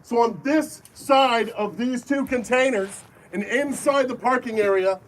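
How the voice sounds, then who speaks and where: High-voiced man addressing a crowd outdoors, firm and commanding, heard from a distance with faint noise. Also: unhurried, fairly bright tone. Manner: firm, call-and-response, commanding. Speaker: airsoft event briefing leader. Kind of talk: safety briefing to a crowd. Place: outdoor airsoft field.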